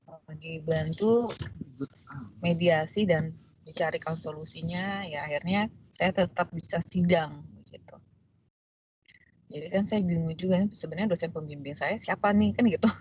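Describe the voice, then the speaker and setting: A woman lecturer telling a personal story to her class in a lively way, acting out the voices of the people in it, with many fillers. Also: lowish voice, slight background noise, poor audio. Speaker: law lecturer.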